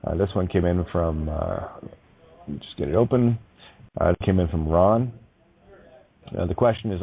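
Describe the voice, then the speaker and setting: A male show host reading listener emails aloud in a casual, halting way, full of fillers and frequent chuckles. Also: deep voice. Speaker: online radio show host. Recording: tinny phone-like line, dry.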